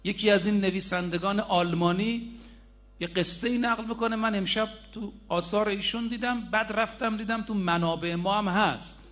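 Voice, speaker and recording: A man's voice: sits high, steady tone, a bit bright. A middle-aged man preaching a sermon, telling a story and speaking straight to his listeners. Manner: storytelling, addresses listeners directly.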